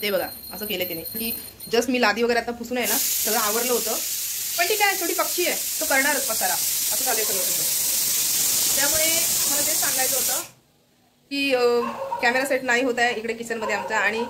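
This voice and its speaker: A woman's voice: fairly high pitch, brisk, heavy background noise. A woman chatting casually to viewers while cooking in her home kitchen, filming on a phone held in her hand and keeps pointing things out. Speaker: family vlogger.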